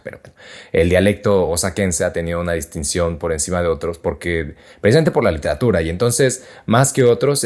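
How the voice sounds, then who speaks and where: A man's voice: low-pitched, a little mellow. A man with a Mexican accent hosting a podcast, explaining things in a casual, slangy way with lots of fillers and restarts. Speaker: podcast host.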